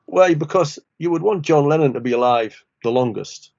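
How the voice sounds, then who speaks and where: A man's voice: on the high side, moderate pace, creaky, a little mellow. Rambling jokey man, muffled recording. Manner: rambling, jokey, restarts and tag questions. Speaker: social worker podcast co-host. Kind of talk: casual chat over beers.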